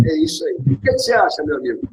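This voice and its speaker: A man's voice: on the high side, sing-song, fairly quick, a little mellow. A man with a Brazilian accent preaching in a conversation, emphatic, asking rhetorical questions and answering them himself. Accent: Brazilian Portuguese. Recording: echoey room with faint noise.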